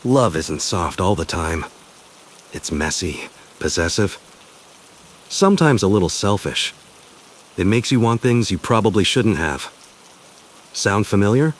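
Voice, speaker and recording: A man's voice: on the low side, lively intonation, slight background noise. Man voicing Gojo Satoru, smug flirtatious professor. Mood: teasing, commanding.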